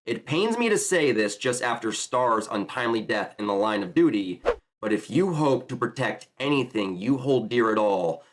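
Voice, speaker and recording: A man's voice: mid-range voice, big pitch swings, moderate pace. A man making an enthusiastic, chatty reaction commentary on a manga chapter.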